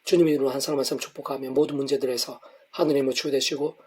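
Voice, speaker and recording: A man's voice: medium pitch, fairly even intonation, rapid-fire, darkish tone, slightly rough. A middle-aged man pastor reading a devotional sermon in long, flowing, earnest sentences.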